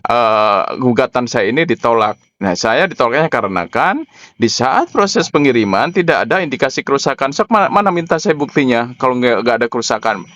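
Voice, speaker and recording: A man's voice: mid-range voice, big pitch swings, a little fast, fairly bright tone, no room sound. A man making a complaint by phone, insistent and repetitive, pressing with pointed questions. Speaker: caller, an online seller with a complaint. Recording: muffled lo-fi phone call.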